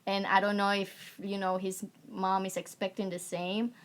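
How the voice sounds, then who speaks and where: A woman's voice: mid-range voice, little pitch movement, moderate pace. A woman co-hosting a casual podcast, mostly agreeing and then sharing her own plans. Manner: supportive listener, many short agreements. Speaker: podcast co-host. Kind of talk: casual chat.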